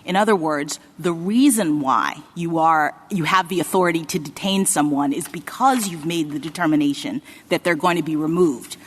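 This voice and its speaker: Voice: mid-range voice, normal speed, few pauses, big-room sound. A judge questioning counsel, reasoning aloud to build a point. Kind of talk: courtroom oral argument.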